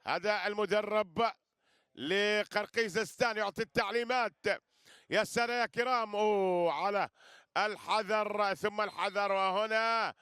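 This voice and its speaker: A man's voice: sits high, fairly even intonation, normal speed, bright, forceful tone, smooth, dry recording, studio quality. A man giving live wrestling commentary, repeating phrases and addressing listeners with flourishes. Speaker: sports commentator.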